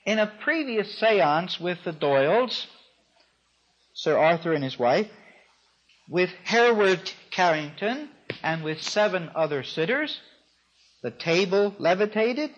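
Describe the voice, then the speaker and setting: Male lecturer, unhurried wry storyteller, dull lo-fi recording. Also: high-pitched, animated. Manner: wry, dryly amused storyteller.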